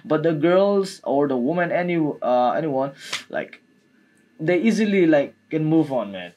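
A man gives casual reaction commentary in a halting, repetitive way, often saying "like" and "man". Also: fairly high pitch, animated, a little mellow, highs cut off. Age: 20s. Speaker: music video reactor. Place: small room indoors. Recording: music playing behind the voice. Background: music from the video being watched.

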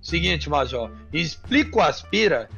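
Um homem com sotaque brasileiro e voz aguda bem rouca dá ordens e repreende os outros num roleplay online. A fala é animada, e uma música clara toca ao fundo. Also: male voice, a little high, sing-song, unhurried, creaky, a bit bright, highs cut off, faint music behind. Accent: Brazilian Portuguese. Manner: bossy, scolding, laughs a lot. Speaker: roleplay player as senior officer. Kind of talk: in-game roleplay chat.

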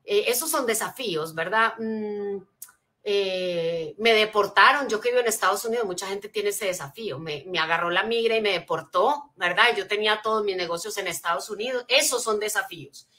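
A woman's voice: medium pitch, moderate pace. A woman giving a motivational seminar talk, teaching her points like a lesson and checking in with listeners with rhetorical questions. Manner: energetic teacher, frequent rhetorical check-ins; spells out acronyms, asks listeners to take notes. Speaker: motivational speaker.

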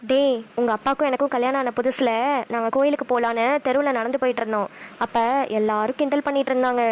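A woman voicing a sharp-tongued but loving village mother with a Kanyakumari Tamil accent, who talks briskly and snaps back quickly. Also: high voice, fairly even intonation, lightly acted. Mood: storytelling. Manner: brisk, chatty, quick retorts.

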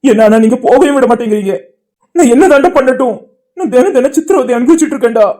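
A woman's voice: high-pitched, animated, quick pace, warm tone. A woman doing a despairing young cartoon man. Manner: anguished, pleading speech. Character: heartbroken young man, despairing and guilt-ridden.

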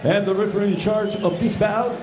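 A middle-aged man working as a bilingual boxing ring announcer in a lucha libre style, with booming showman calls, stretched words and rapid runs into a handheld microphone. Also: darkish tone. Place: boxing ring in an indoor arena. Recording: echoey arena PA with crowd noise.

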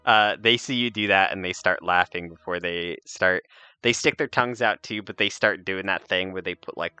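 A man's voice: sits low, normal speed, pushed and bright, clear, resonant tone, dry recording, soft background music. A man working as game master, improvising tabletop game narration in an informal, hesitant way.

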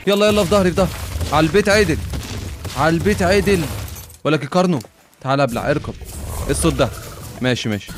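A man with an Egyptian Arabic accent giving excitable gaming commentary, swearing and dropping in English phrases. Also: on the high side, rapid-fire, long pauses, faint music behind. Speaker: gamer.

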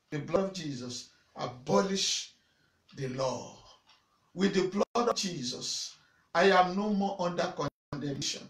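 A middle-aged man preaching to camera, repeating phrases and breaking into loud shouts. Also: sits high. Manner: forceful preaching with repetition and sudden loud shouts; waves arms and gestures while preaching. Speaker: pastor. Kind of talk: sermon to camera. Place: small indoor church room in front of a banner. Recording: echoey room.

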